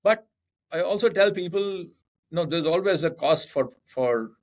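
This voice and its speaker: A man's voice: sits high, expressive, measured pace. A man in his fifties from Bangalore with a South Indian accent, chatting casually as an interview guest, emphatic and often repeating his words. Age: 50s.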